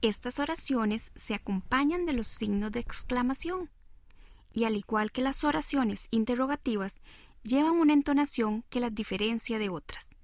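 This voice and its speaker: A woman presenting a scripted radio lesson, speaking clearly and deliberately to demonstrate intonation. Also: on the high side, darkish tone, no echo. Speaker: radio teacher. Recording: dull lo-fi recording.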